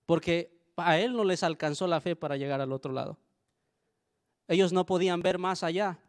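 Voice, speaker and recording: A man's voice: high voice, normal speed. A young adult man, a pastor, preaching a sermon in an earnest, conversational way, often turning to his listeners with asides.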